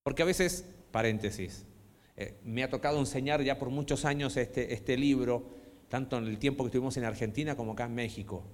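A man preaching a sermon as a pastor, moving from hushed, quiet passages to loud, impassioned ones. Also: medium pitch, fairly quick. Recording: long hall reverb.

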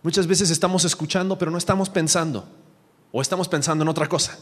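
Emphatic preacher in a reverberant church. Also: male voice, fairly high pitch, fairly even intonation, fast. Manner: emphatic, asks the congregation questions. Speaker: pastor. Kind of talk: sermon.

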